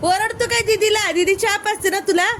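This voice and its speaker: High-voiced chatty woman vlogger. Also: steady tone, moderate pace, noisy background. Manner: chatty, talks to viewers and coaxes children. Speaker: family vlogger. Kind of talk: casual family vlog narration.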